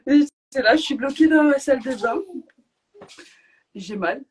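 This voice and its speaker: A woman's voice: high-pitched, unhurried, breathy edge. Woman telling a personal story, laughing. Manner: lively, laughs often between phrases. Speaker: podcast guest.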